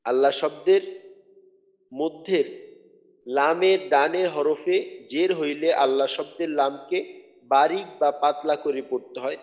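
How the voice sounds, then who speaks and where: A man teaching Quran recitation, patiently spelling out letters and drawing out words slowly. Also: on the high side, a little mellow. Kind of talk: tajweed lesson. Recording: dull audio with long hall reverb.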